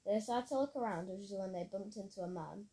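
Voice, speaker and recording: Woman reading a story, mellow voice. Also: mid-range voice, fast talker, rough recording. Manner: plain storytelling, occasional slips and restarts. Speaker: narrator. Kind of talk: reading own story aloud.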